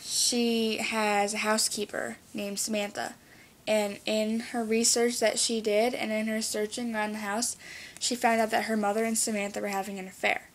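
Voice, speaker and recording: A female student presenting a book report in a plain, steady recitation with casual fillers. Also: mid-range voice, moderate pace.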